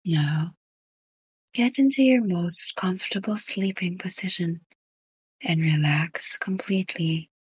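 A woman guiding a sleep meditation in a soft, breathy whisper. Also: fairly low pitch, dry recording. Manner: slow, soft whispered delivery. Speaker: meditation guide.

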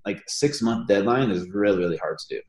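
A man's voice: fairly low pitch, a little fast, reverberant. A man speaking as a podcast guest, telling his story casually with lots of fillers. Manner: relaxed storytelling with many fillers. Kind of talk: casual conversational interview.

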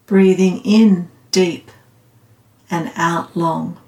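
A woman guiding a meditation in a calm, meditative, soothing tone, unhurried and leaving long pauses. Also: on the low side. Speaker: meditation guide. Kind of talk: guided loving-kindness meditation. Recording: roomy, slightly echoing sound.

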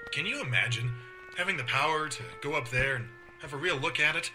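A man's voice: on the high side, animated, fairly quick, lightly acted. Young male lead, played by a man, retro radio drama: earnest, protective, romantic, wide swooping delivery over prominent music.

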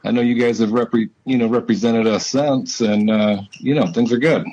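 A man calling into a show, heard over a phone speaker, chatting casually in a halting way with restarts. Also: mid-range voice, fairly even intonation, dark tone, husky. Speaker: guest calling in. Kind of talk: casual chat. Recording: muffled phone line with faint hiss.

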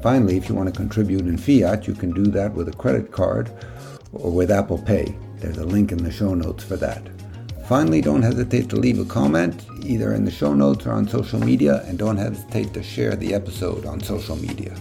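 A man hosting a podcast, reading his questions and closing notes in a plain, unhurried way. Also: on the low side, vocal fry, over music. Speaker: podcast host. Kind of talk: podcast interview and outro.

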